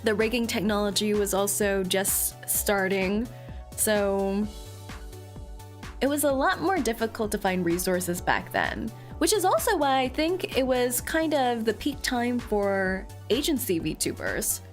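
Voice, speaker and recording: A woman's voice: medium pitch, lively intonation, unhurried, soft background music. A woman chatting casually on a livestream to her viewers, with a playful, cute anime-streamer delivery. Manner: playful, giggly. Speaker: VTuber streamer.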